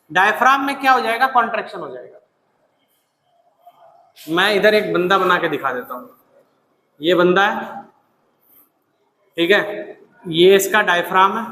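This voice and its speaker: A man teaching a classroom lesson in a very high, sharp voice that rings through an echoey room with a long reverb tail. He dictates slowly, keeps urging students to answer, and scolds them bluntly. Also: a little hiss or hum. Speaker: biology teacher. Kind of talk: classroom lecture.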